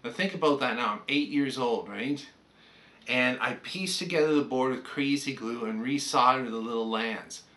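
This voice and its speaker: An older man with a Canadian accent reminisces casually, telling anecdotes like a hobbyist presenting on a vlog. His voice sits in the mid range and has a sharp tone.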